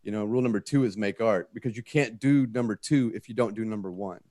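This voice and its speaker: A writer and filmmaker speaks to a group in a casual, heartfelt way, swearing freely and often doubling back on his phrases. His voice sits on the low side with a dark tone and a quick pace. The recording is dry and of studio quality.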